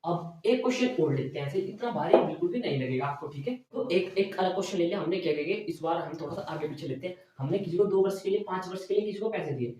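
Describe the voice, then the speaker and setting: A male math teacher lecturing in a classroom style, asking his students questions and answering them himself, often checking with a quick "okay". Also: high voice, warm tone. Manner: repeats "theek hai" as a check. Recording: very echoey room, mic far away.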